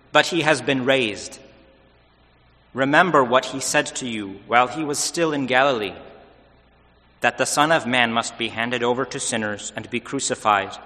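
A man delivering a solemn, formal liturgical scripture reading in measured phrases, with cathedral echo in a large church. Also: mid-range voice, bright, forceful tone. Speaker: clergyman reading the Gospel at Mass.

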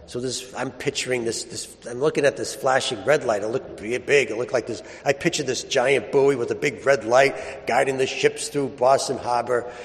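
A man's voice: mid-range voice, normal speed, hardly any pauses. Clergyman in a cathedral-like echo. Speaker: priest or deacon preaching. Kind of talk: solemn scripture reading and conversational sermon. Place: large reverberant church. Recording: cathedral-like echo, long reverberant church hall.

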